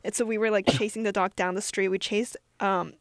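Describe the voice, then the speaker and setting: A young woman co-hosting a podcast, chatting casually and telling stories in a giggly, animated way. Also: medium pitch, brisk, no echo. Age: young adult. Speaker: podcast co-host. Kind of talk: casual chat.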